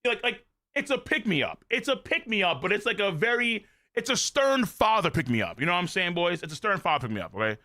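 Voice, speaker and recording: Excitable, bright-voiced man reacting live. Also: high voice, a little fast, hardly any pauses. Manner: excitable and profane, with slang and bursts of laughter. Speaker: streamer reacting to a manga chapter.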